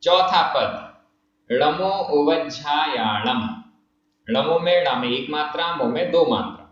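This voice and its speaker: A man giving a spoken language tutorial, patient and methodical, slowly counting out syllables one by one. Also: a little high, a bit bright. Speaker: Prakrit language teacher. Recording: echoey room, slightly dull sound.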